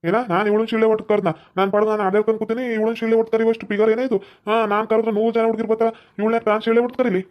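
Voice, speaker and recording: Cartoon brash village lad, boastful, North Karnataka accent, rapid delivery, dull audio, voiced by a woman. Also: low-pitched, little pitch movement, lightly acted. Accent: North Karnataka Kannada. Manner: boastful, swaggering. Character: boastful young village man, brash and cheeky.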